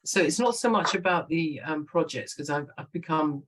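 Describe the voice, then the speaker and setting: Lively middle-aged woman writer, laughing. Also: low voice, normal speed, poor audio. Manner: lively, laughs often, animated storytelling. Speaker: guest writer. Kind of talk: conversational interview.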